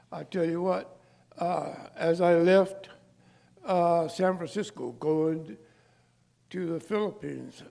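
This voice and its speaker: Older man with a gravelly, high-set voice. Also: dark tone. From California, USA. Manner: halting, searching for words. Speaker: veteran interviewee. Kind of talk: personal interview.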